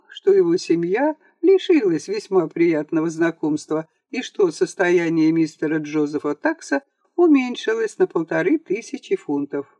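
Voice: medium pitch, dark tone, no room sound. Wry theatrical storyteller. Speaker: audiobook reader. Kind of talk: scripted narration of a comic story. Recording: dry home-studio voice-over.

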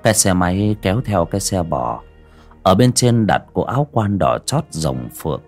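A man narrating a story for an audiobook site in an expressive, scripted reading. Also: sits low, normal speed. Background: faint music bed.

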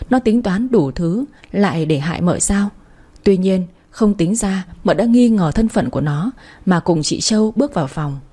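A woman narrating a family drama story in a steady storytelling manner. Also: on the low side. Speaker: audiobook narrator.

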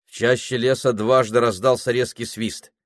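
A man reading a novel aloud as an audiobook narrator, in a measured, expressive way. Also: medium pitch, dry recording, clean studio sound. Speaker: audiobook reader. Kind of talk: scripted narration.

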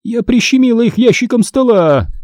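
A man voicing a strict older woman schoolteacher who talks in sharp, scolding tones. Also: high-pitched, sing-song, normal speed, no echo, studio quality, pitched above the performer's own voice. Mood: pained. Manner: strict, snapping. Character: stern older woman schoolteacher, grey-haired.

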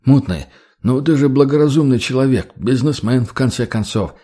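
A man voicing a fat, obsequious slave trader who fawns and placates in a raised, drawn-out voice. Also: dark tone, husky, natural voice. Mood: fawning. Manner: wheedling, placating, higher and slower.

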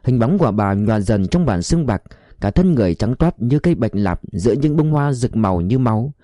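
Brief: male novel narrator, measured and expressive, deep mellow tone, dry studio sound. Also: no room sound. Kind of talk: audiobook narration.

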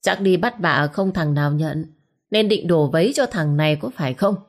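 A woman's voice: low-pitched, normal speed. Woman doing a sneering young cad. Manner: sneering, insulting. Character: arrogant young rich man, scornful cad.

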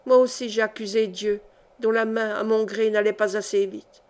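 A woman's voice: mid-range voice, little pitch movement, moderate pace, darkish tone, natural voice. A woman reading the part of a devoted noble countess speaking tenderly and fervently to her daughter in an audiobook. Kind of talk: audiobook reading of a historical novel.

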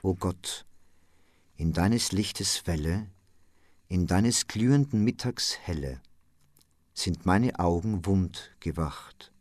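A man voicing a tormented young male poet in a radio reading, his speech broken and halting, often sinking to a hush. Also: sits low, animated, no echo, full character voice. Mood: weary.

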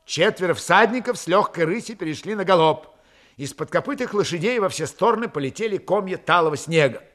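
A man's voice: high-pitched, lively intonation, brisk, a bit bright. A man narrating a classic novel as an audiobook, reading expressively and dramatically. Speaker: audiobook reader.

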